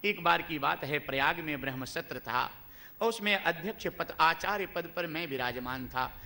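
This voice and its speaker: A man voicing a calm, patient male god who reasons gently with his wife. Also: on the high side, moderate pace.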